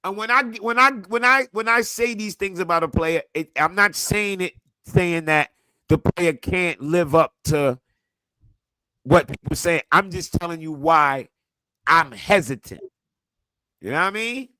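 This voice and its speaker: A man's voice: sits high, measured pace, pushed and bright, dry recording, low-quality recording. A man hosting a casual sports debate, talking bluntly with plenty of slang and swearing. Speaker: show host.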